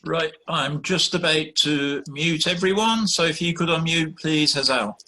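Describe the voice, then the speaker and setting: A man's voice: fairly high pitch, unhurried, sharp tone. A man casually co-hosting a live online event. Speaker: co-host running scores and call. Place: online video call.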